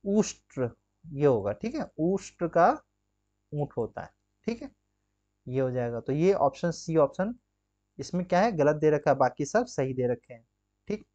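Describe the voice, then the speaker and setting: A man's voice: a little high, very animated, a little slow, long pauses, warm tone, highs cut off. A man teaching an exam-prep grammar lesson, drilling students with rhetorical questions and constant check-ins. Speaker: Hindi teacher.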